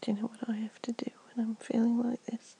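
A woman in an ASMR comfort roleplay, talking in a soft, gentle whisper. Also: fairly high pitch, completely flat delivery, fast, creaky, husky. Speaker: ASMR performer.

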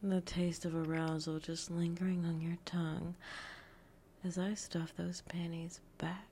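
A woman whispering a teasing, dominant audio roleplay in a breathy voice, with soft chuckles between phrases. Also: lowish voice, flat delivery, unhurried, a little hiss or hum.

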